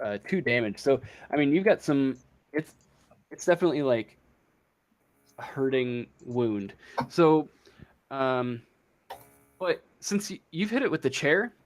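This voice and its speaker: Running a casual tabletop session as game master, a man with a middling pitch speaks slowly in a sing-song way. He improvises the narration with a hesitant, halting delivery.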